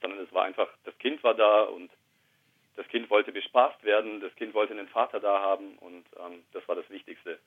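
A man in his thirties, a podcast guest, speaking quietly and reflectively, with hesitant pauses, about his own life. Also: on the low side, steady tone. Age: 30s. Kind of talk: candid personal conversation. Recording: tinny phone-line sound.

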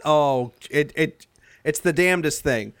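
This man co-hosts a comedy podcast and spins absurd stories with a straight face, sometimes slipping into silly put-on voices. His voice sits a little high for a man. The studio sound is dry and close. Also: measured pace, clean tone, no echo. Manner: deadpan absurd storytelling, puts on silly voices. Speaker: podcast co-host. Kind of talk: casual comedic chat.

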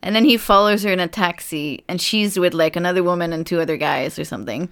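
A woman's voice: fairly low pitch, fast, fairly bright tone, clear, resonant tone. Chatty woman discussing a novel. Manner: chatty, laughs often, many "like" fillers. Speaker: podcast co-host. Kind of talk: casual book discussion.

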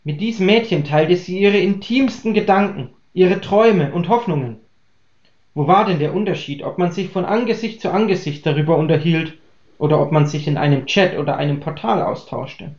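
A man reading a German story aloud in a calm, even audiobook voice. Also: sits high, moderate pace. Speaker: story reader. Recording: roomy, dull lo-fi recording.

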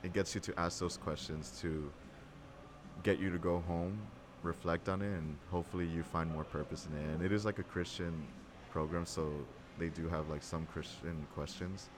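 Deep voiced young guy on a podcast, thinking out loud, slangy, noisy background. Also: steady tone, normal speed. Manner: reflective, slangy. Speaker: podcast guest. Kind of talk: casual chat.

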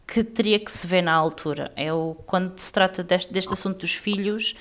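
A woman's voice: fairly low pitch, fairly even intonation, normal speed, a bit bright. Portuguese woman in her thirties, chatting casually. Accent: European Portuguese. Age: 30s. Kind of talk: casual chat between friends.

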